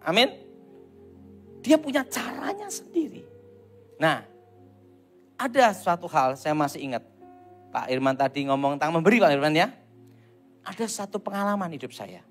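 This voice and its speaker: Animated Javanese-accented male preacher. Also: high-pitched. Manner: animated storytelling, asks the crowd "betul?". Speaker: evangelist preacher. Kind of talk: sermon with personal stories.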